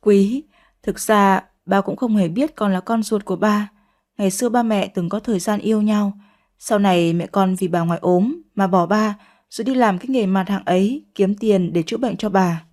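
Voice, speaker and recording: A woman voicing a gentle older father who speaks to his daughter in a soft, consoling way. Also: medium pitch, normal speed, close to an everyday voice. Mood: tender.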